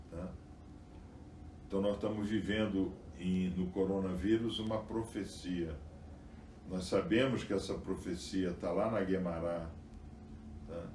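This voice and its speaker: This religious teacher's low, darkish voice is captured from a distance in an echoey room with slight background noise. Lecturing on the Bible, he peppers his speech with "tá?" and "né?" and reads passages out emphatically.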